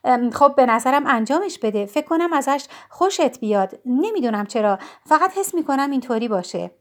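A woman voicing a warm, insistent young sister who coaxes her brother in an audiobook. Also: sits high, animated. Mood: urging.

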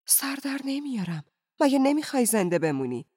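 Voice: medium pitch, big pitch swings, a little mellow, dry recording, clean studio sound, pitched above the performer's own voice. A reader putting on a pleading, anxious housewife. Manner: emotional, insistent questioning. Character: anxious, pleading middle-aged housewife, mother of three. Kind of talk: audiobook character reading.

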